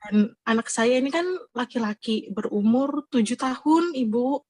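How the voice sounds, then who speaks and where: A woman's voice: fairly high pitch, normal speed, darkish tone, no echo. A young woman calling in with an anxious, hesitant question about her stepchild, full of fillers. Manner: hesitant, many fillers, small laughs. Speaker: caller asking for advice. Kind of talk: casual question to a speaker.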